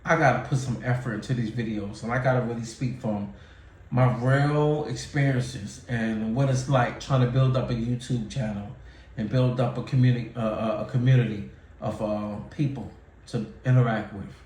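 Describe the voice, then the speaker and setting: A man's voice: medium pitch, steady tone, normal speed, darkish tone, recorded from a distance, a little hiss or hum. Candid man in his forties, roomy sound. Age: 40s. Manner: candid, repetitive, conversational with fillers. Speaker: YouTuber. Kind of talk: casual talking-head advice. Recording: roomy sound, mic set back.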